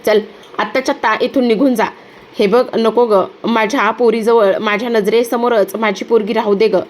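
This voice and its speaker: Woman reading pleading devoted mother, urgent, slightly high voice. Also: fairly even intonation, normal speed, natural voice.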